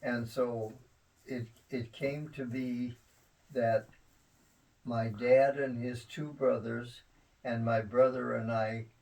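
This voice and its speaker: An elderly man reminiscing in a rambling grandpa way about family history, halting often and repeating his words. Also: medium pitch, level tone, a little mellow, recorded from a distance, poor audio. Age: 70s or older.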